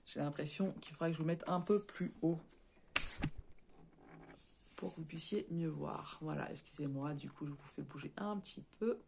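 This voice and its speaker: A married woman, a little hoarse and stuffy from a cold and slightly out of breath, showing her craft work in a casual vlog, talking haltingly with many fillers and restarts. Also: low-pitched, noisy background. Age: adult, married. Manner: chatty, tags sentences with "hein". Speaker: crafts vlogger. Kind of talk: casual show-and-tell vlog.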